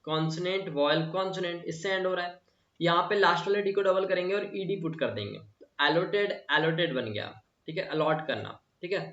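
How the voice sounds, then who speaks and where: A man teaches grammar in a slightly high voice. He repeats each word and asks the students questions. The sound comes from a distance in a room with strong echo, and it is dull. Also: brisk, fairly bright tone. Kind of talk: classroom lesson.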